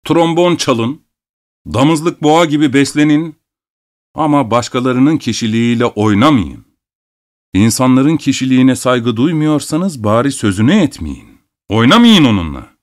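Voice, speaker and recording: A man voicing a bitter male doctor who shouts with scornful indignation. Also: medium pitch, very animated, normal speed, voice pushed up, close to an everyday voice. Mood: furious.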